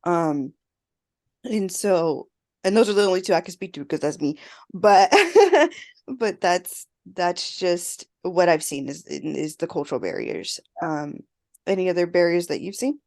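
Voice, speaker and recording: A woman therapist co-hosting a podcast in casual chat, a bit hoarse and clearing her throat as she loses her voice. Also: lowish voice, expressive, measured pace, a little mellow. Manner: conversational, reflective.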